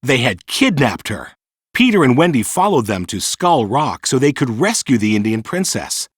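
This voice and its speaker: Speaking at normal speed, a man with a mid-pitched voice tells a children's story with wide-swinging, lively intonation. The read-aloud is expressive and clearly paced for young ears, and the dry recording has no echo.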